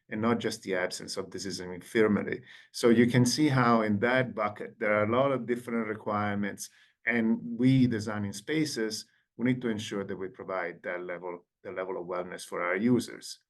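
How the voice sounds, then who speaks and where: A man in his forties with an Italian accent gives an online lecture over a video call, his voice sitting on the low side. He keeps the audience involved by putting questions to them and reading out their answers. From Italy. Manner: engaging, quizzes the audience. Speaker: guest lecturer.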